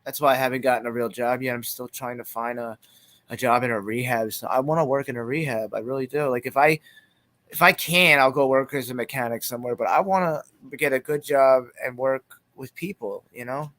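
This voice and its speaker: A man's voice: medium pitch, fairly quick, a bit bright. A man hosting a casual interview chat, talking in a loose, rambling way and swearing casually. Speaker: host.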